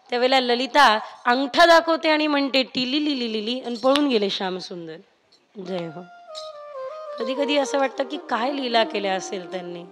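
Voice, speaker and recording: A woman storyteller, acting out the dialogue of the characters in changing voices. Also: on the high side. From India. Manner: acts out dialogue of Krishna and gopis with shifting voices. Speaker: kathā storyteller. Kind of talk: devotional story sermon.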